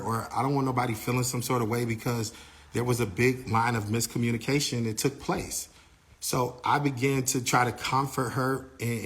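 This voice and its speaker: Man, young adult, casual storytelling, animated, repeats phrases, acts out dialogue. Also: medium pitch. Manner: animated, repeats himself, acts out others' lines. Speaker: manager telling a story.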